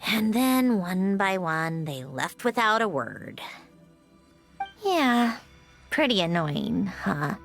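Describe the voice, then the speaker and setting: A woman voices a video game character, an aloof, prickly young woman with a melancholy streak and a haughty, sighing manner, in a grieving, reflective mood. Her heavily acted, creaky mid-range voice is slow with big pitch swings, and background music plays under it.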